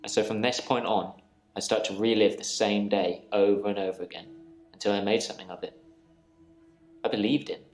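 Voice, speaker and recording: An actor in a live-action mystery game playing a troubled male patient who calmly recounts reliving the same day. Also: fairly low pitch, brisk, pauses often, lightly acted. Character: troubled male patient haunted by repeating days. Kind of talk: scripted game dialogue. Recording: roomy with game music.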